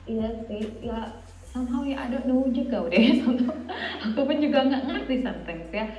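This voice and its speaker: An Indonesian woman in her twenties, speaking with an Indonesian accent in a high, brisk voice, is a chatty guest in a casual interview and a student living abroad. She frequently slips English into her Indonesian, and the recording has a roomy echo with background music underneath.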